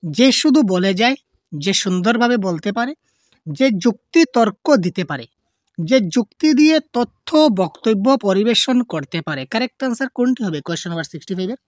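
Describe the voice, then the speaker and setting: An expressive woman with a medium pitch and darkish tone, recorded at studio quality with no echo, teaches exam prep online. She reads multiple-choice questions aloud, lingering on the options before briskly giving the answers herself, and she mixes English terms into her speech.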